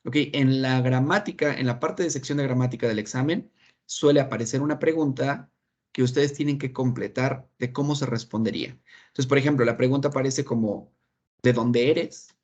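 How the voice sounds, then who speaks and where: The speaker, a man with a Mexican Spanish accent, patiently explains material in an online English lesson, often checking that students follow and repeating points with frequent "¿ok?" His medium-pitched voice is steady, a little mellow, and at a normal speed. The recording sounds muffled.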